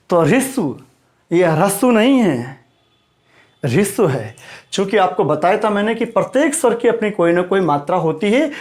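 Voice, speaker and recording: A man's voice: a little high, a little mellow. A man teaching a grammar lesson to students, quizzing them and repeating key words to stress pronunciation.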